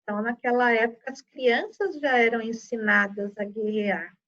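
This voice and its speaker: A woman's voice: on the high side, normal speed, fairly bright tone, muffled recording. A woman teaching children a lesson, patiently explaining step by step and checking in often. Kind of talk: online Portuguese lesson for children.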